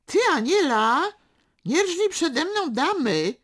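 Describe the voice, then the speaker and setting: A woman reading aloud as a loud, boastful, self-pitying father who shouts and blusters. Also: medium pitch, very animated, unhurried, creaky, voice pushed up, full character voice. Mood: blustering. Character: loud boastful middle-aged father, bitter braggart.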